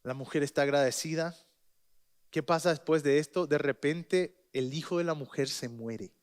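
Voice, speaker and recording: High-voiced man preaching a sermon. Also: moderate pace, clear, resonant tone. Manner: lively storytelling with joking asides. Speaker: pastor.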